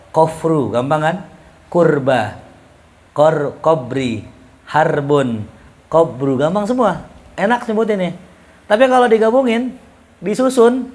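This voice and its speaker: A man teaching a class in a relaxed, joking way, reading Arabic lines and explaining them with questions to students. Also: medium pitch. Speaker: ustadz teaching Arabic rhetoric. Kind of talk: casual classroom lecture.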